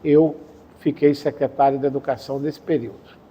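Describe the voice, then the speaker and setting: An older man from the Sertão of Paraíba in Brazil, calmly recalling his career in an interview, pausing to correct names and dates. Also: medium pitch, husky. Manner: unhurried, recounts dates and names, self-correcting. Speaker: interviewee, retired professor and former education official. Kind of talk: reminiscing interview answer.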